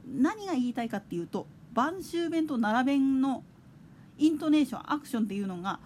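Woman, solo podcast host, casual chat, high voice, very animated pitch. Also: fairly quick, a little hiss or hum. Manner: chatty, digressive, with soft laughs.

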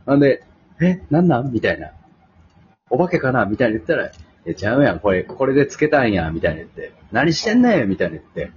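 A man's voice: lowish voice, fast talker. A man with a Kansai accent, co-hosting a casual chat among friends and telling a story with acted-out quotes. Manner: animated storytelling, acts out quotes. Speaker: podcast co-host. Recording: dull lo-fi sound with faint noise.

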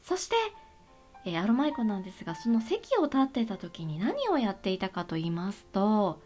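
A woman hosting a chatty solo radio talk show, speaking in a polite, gentle and reassuring way. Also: mid-range voice, sing-song, fairly quick, soft background music. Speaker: host of an aromatherapy talk show.

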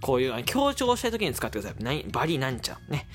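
Male solo podcast host from Fukuoka, Japan, with a casual, chatty delivery, quick and full of fillers, with faint music underneath. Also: medium pitch. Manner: chatty, animated, frequent fillers.

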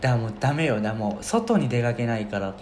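Young guy casual podcast chat, lively voice, echoey room, bit of noise. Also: mid-range voice, very fast. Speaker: podcast co-host. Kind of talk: casual banter between friends. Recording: roomy echo, faint background noise.

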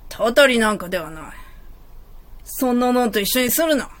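A woman's voice: fairly high pitch, animated, fairly quick, background noise, natural voice. Woman playing a bossy, ancient male genie. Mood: exasperated. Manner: gruff old-fashioned masculine speech, bossy. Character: ancient male lamp genie, proud, exasperated wish-granter. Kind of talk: comic stage play acting.

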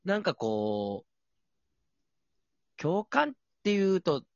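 A Kansai-accented man co-hosting a relaxed chat show. He teases with playful comebacks, and his voice swings widely up and down. The sound is dry and a little muffled. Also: sits high, extremely slow, no echo. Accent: Kansai Japanese. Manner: teasing, joking retorts. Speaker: podcast co-host. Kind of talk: casual chat.

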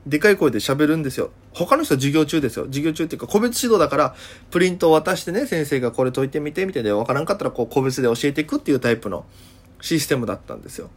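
A man's voice: a little high, animated, very fast, slightly rough. A man from Okinawa hosting a solo talk show, telling a casual story in a rambling way, full of fillers and self-corrections. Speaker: podcast host.

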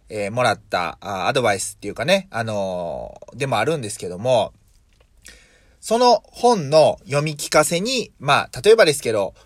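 A man's voice: mid-range voice, no room sound. A man in his thirties from Mie, Japan, hosting a casual solo podcast as a vegetable farmer, thinking aloud with many fillers and self-corrections. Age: 30s.

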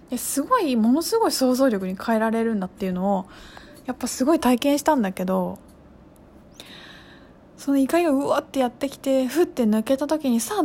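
A woman, casually talking through her feelings in an animated, expressive way. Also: fairly high pitch, a little hiss or hum. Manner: animated, acts out her own outbursts and shouts. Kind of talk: casual spiritual monologue.

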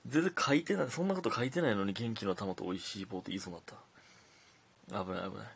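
A young man with a Kansai accent, a comedian chatting casually on his own podcast and reading listener letters aloud, talkative and self-deprecating, swinging between loud bursts and mumbled asides. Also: on the low side, fairly quick, vocal fry, slightly rough. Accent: Kansai Japanese.

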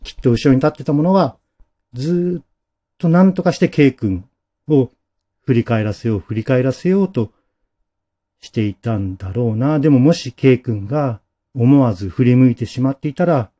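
Man telling a ghost story in a mellow husky voice. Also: medium pitch, expressive, normal speed. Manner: dramatic, dropping to a hush at key moments.

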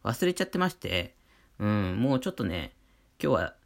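Kansai guy rambling on his own talk show, deep voice but swings up and down a lot, lots of fillers. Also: very animated, normal speed, creaky. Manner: chatty, rambling, full of fillers. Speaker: artist hosting his own talk channel. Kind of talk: casual solo monologue.

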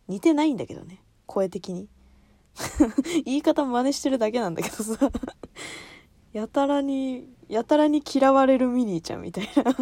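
A woman's voice: a little high, vocal fry, warm tone, dry recording. A young woman hosting a casual solo talk show, chatting in a rambling way and laughing often.

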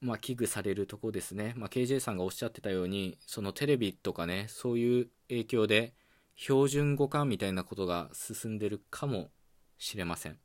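A man from Okayama with an Okayama accent, hosting a calm solo talk show and explaining things in a relaxed, chatty way with fillers. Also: on the low side, brisk. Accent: Okayama dialect. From Okayama, Japan. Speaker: podcast host.

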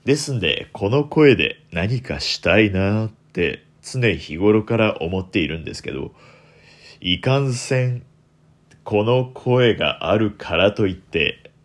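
This young man runs a solo radio segment in an intentionally affected deep, velvety voice. He sounds animated, playful, and ready to poke fun at himself.

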